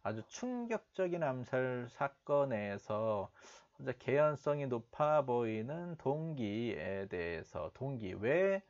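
A man teaching English listening, slowly repeating and breaking down phrases as he explains them. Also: medium pitch, sing-song, a little mellow, muffled recording. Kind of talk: explanatory language lesson.

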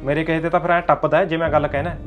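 A gruff but kindly old father-in-law, played by a man, talking quickly in a fairly high voice. He scolds and bickers with his wife. Faint music sits behind him. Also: flat delivery, close to an everyday voice. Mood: grumbling, sympathetic. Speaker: actor. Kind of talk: amateur short-film acting.

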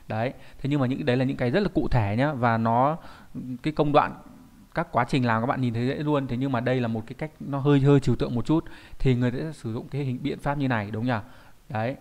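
A man's voice: mid-range voice, a little mellow. A man teaching an online Japanese grammar lesson, explaining patiently, thinking aloud with fillers and often asking his students whether they follow. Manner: explains patiently, often checks with "đúng không?".

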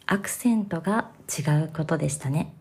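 A woman from Kansai, the host of a podcast, explaining Japanese to learners in a slow, careful, soft-spoken way. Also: low voice, breathy edge.

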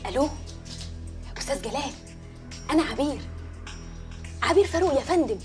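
An actress playing an eager, self-assured young Egyptian reporter talking on the phone in a TV drama. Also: female voice, high-pitched, animated, brisk, music in the background. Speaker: young journalist. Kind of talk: TV drama acting.

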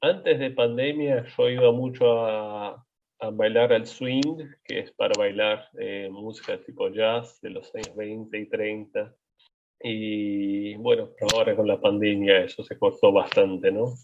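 A man's voice: on the low side, fairly even intonation, a little slow, a little hiss or hum. Man on a tinny call line. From Brazil. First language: Portuguese. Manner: hesitant, repeats words while thinking. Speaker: guest biologist. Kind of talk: casual interview answers. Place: indoors at home.

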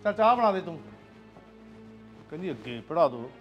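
An actor playing a stern village father who is strict about his daughter's honor and speaks gruffly in a Punjabi accent. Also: on the high side, sing-song, brisk, highs cut off, faint music behind. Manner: gruff, commanding, softens to pleading. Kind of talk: village drama acting.

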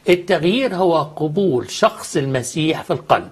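Egyptian man, studio guest, husky, quick, earnest teaching tone. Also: on the high side, expressive. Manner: earnest, teaching with questions he answers himself. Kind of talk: explaining faith in a studio talk.

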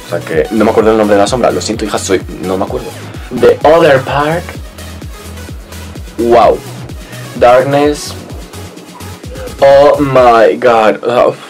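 A man with a Spanish accent from Spain, chatting playfully and exclamatorily as a makeup vlogger unboxing a palette. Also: lowish voice. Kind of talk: casual unboxing chat.

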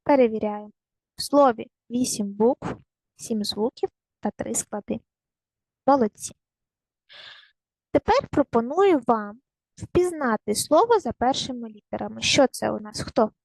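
A woman's voice: fairly high pitch, lively intonation, measured pace, creaky, pauses often, a little mellow, dry recording, low-quality recording. Patient woman teaching young pupils. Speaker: primary school teacher. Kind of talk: recorded video lesson.

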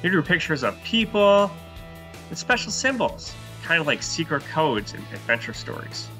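A man's voice: on the high side, very animated, moderate pace, sharp tone, faint music behind. A man in his thirties, an art teacher giving an enthusiastic online art lesson to young children. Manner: upbeat, enthusiastic, talks to children. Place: virtual classroom backdrop, indoors.

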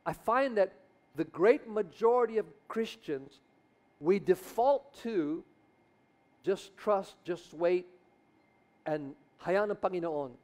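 A man preaching a sermon as a bishop, exhorting fervently, repeating phrases and building to loud calls. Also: high voice, expressive, slow, long pauses. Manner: mixes in Tagalog phrases.

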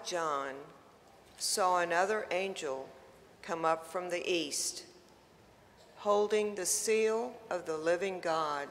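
A man reading scripture aloud as lector at Mass, slow and deliberate. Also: sits high, fairly bright tone, slight background noise. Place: large church. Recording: long church reverb.

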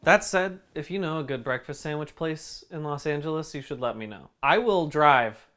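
A man's voice: on the high side, animated, normal speed, a bit bright, faint music behind. A man hosting a comedic cooking demo in his home kitchen, joking and mocking himself as he cooks. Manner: playful, jokey, self-mocking. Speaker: cooking video host.

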